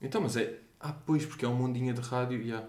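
Portuguese dude hosting, jokey, fast questions, echoey room. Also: male voice, mid-range voice, darkish tone. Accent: European Portuguese. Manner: joking, curious, quick questions. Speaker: podcast host. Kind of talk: casual podcast chat. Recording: roomy echo.

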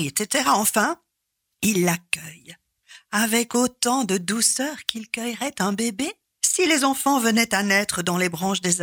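Slow, husky-voiced woman storyteller. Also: medium pitch, dry recording, clean studio sound. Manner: expressive, with dramatic pauses and repeated refrains. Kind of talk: storytelling performance of a folk tale.

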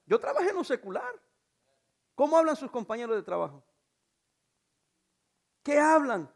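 A middle-aged man preaching a sermon as pastor, animated, asking the congregation rhetorical questions and mixing in humor. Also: very high-pitched, creaky.

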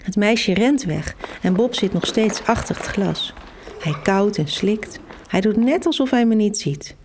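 Female storyteller, young adult, unhurried read-aloud for children, animated character lines. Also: medium pitch, a little hiss or hum. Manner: lively storyteller, gives characters' lines their own voices. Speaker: host and storybook reader. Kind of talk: reading a children's book aloud.

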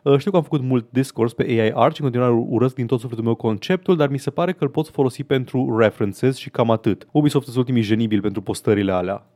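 A man's voice: medium pitch, few pauses, mellow. A man co-hosting a casual gaming podcast, talking easily and reading listener comments aloud. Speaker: podcast co-host.

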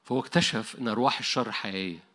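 Fast, bright Egyptian preacher man. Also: fairly low pitch. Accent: Egyptian Arabic. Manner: animated, laughing, storytelling. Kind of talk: sermon.

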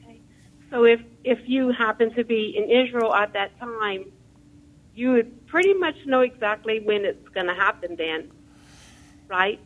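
A woman phoning in to a radio show, asking a question in a hesitant, soft-spoken way. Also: fairly high pitch, animated, a little slow, long pauses. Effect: phone-line caller on a radio show. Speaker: caller. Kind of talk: call-in question. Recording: dull lo-fi phone line.

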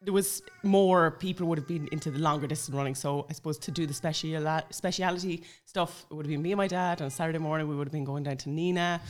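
A woman from the west of Ireland, with the accent to match, talks in a low-pitched voice at a quick clip. She is chatty and informal, reminiscing in a relaxed interview style as a podcast guest. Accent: West of Ireland, Sligo. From Sligo, Ireland. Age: late 30s to around 40. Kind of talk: casual conversational interview, reminiscing.

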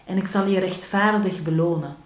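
A woman's voice: lowish voice, fairly even intonation, normal speed, lightly acted. A woman reading as a wise, solemn male wolf. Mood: pleading. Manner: wailing then solemn. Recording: roomy echo.

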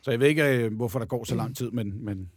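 A man's voice: medium pitch, darkish tone, husky, dry recording, studio quality. A man co-hosting a casual fan chat about football, hesitant and agreeable, often saying yes. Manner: hesitant, agreeable, many fillers. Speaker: football podcast co-host.

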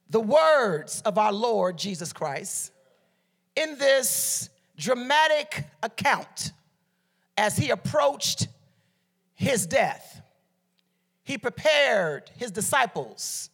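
Middle-aged man from liberia, fired-up sermon, keeps calling for amens, pretty high voice. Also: fairly bright tone, breathy edge. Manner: fervent call-and-response, frequent "amen, somebody" exhortations. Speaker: preacher.

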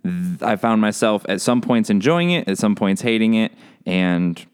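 A man's voice: fairly low pitch, animated, normal speed, smooth. A man co-hosting a casual movie-review podcast, laid-back and blunt with his opinions. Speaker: podcast co-host. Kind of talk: casual chat.

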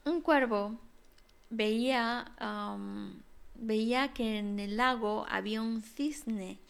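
A woman telling an animal fable aloud, gentle and unhurried with soft fillers. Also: a little high, gravelly, smooth. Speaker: storyteller.

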